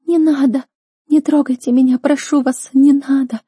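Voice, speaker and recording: A woman's voice: high-pitched, fairly even intonation, normal speed, warm tone, no echo, clean studio sound, pitched above the performer's own voice, natural voice. A woman doing a sobbing, terrified young girl. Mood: terrified pleading. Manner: pleading, trembling. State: crying.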